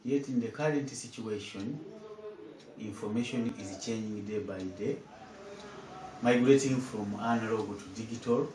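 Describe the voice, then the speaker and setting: A man in his fifties, a head teacher, answers interview questions in a measured, formal way, now and then repeating a word. His voice sits fairly low. He is heard from a distance in an echoey room with faint noise behind him. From Uganda. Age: 50s.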